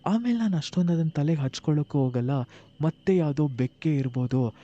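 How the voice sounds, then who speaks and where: A man narrating a first-person horror story with animated, tense delivery, acting out the dialogue himself. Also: a little high, brisk, dull audio.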